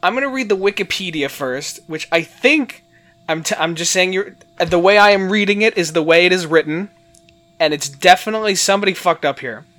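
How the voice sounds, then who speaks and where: A man's voice: high voice, brisk, a bit bright. A man co-hosting a casual podcast, reading episode summaries aloud with amused, joking asides. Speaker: podcast co-host.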